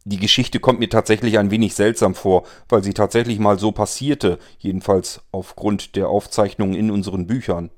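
A man voicing a skeptical middle-aged caretaker in a read-aloud story, measured and slightly irritated. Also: on the low side, steady tone, natural voice.

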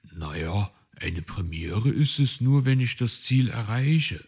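A man's voice: medium pitch, lively intonation, slow pace, gravelly, a little mellow, slightly rough, exaggerated voice. A man voicing a modest, cautious little male gnome in a children's story, speaking mildly and candidly. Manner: candid, mild.

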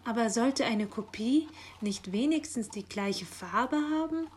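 A woman's voice: a little high, a little slow, a little hiss or hum, pitched above the performer's own voice. A woman voicing a fussy, chattering female magpie postmistress in a children's audio story, eager and easily flustered. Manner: eager, flustered, rising excited lines.

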